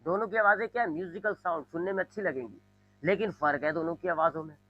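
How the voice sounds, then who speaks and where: A man teaching a physics lesson, explaining slowly and repeating his points, now and then imitating sounds. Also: on the high side, dull audio, faint music behind. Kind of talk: classroom lecture.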